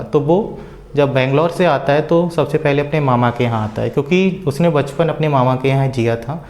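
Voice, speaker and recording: A man casually retelling a story out loud, with a rambling flow full of filler words and small hesitations. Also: medium pitch.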